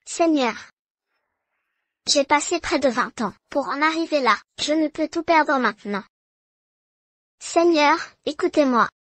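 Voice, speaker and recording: A scheming adulterous noblewoman in a French drama dub. She speaks high and slowly in a coaxing tone. The sound is dry and close. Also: lively intonation, fairly bright tone, no room sound. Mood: pleading. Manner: pleading, coaxing. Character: scheming unfaithful noble wife, pregnant.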